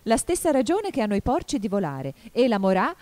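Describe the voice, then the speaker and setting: A woman's voice: fairly high pitch, wildly swooping pitch, brisk, a little mellow, pitched above the performer's own voice. A woman voicing a fussy duchess who moralizes in a sing-song way. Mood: teasing.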